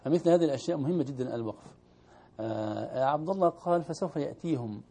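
A man teaching Quran recitation, modelling verses slowly for students to repeat. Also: on the high side, lively intonation, warm tone.

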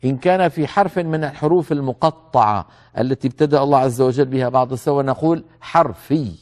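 A man giving a tajweed lesson, calmly explaining the rules and slowly repeating words to demonstrate them. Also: medium pitch. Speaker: Quran recitation teacher.

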